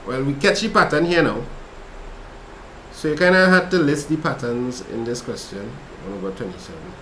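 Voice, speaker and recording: This is a casual livestream study session where a man with a Trinidadian accent tutors maths, relaxed and chatty, reading chat out loud while solving problems and talking with viewers between steps. His voice sits at medium pitch. The recording is poor, reverberant, and carries a little hiss or hum.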